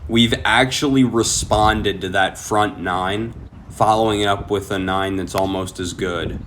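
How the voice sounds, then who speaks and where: A man's voice: fairly low pitch, fairly even intonation, a little slow, fairly bright tone. Rambling young man vlogging a golf round. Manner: chatty, rambling, talks to viewers as guys. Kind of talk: casual vlog commentary. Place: golf course outdoors. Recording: outdoor noise in background.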